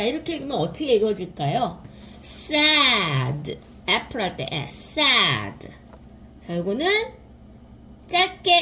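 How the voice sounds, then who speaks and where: A woman teaching beginner English phonics, sounding out each word slowly and repeating it. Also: fairly high pitch, fairly bright tone, slight background noise. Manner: drawn-out repeated sounding of words. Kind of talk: slow explanatory teaching.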